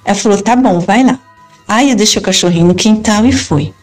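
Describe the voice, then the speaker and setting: A woman's voice: mid-range voice, fairly quick, a little mellow, faint music behind. A middle-aged woman recounting strange events at her house in a first-person spoken account, acting out the dialogue as she tells it. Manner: earnest, retells dialogue in quotes. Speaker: storyteller recounting a haunted house.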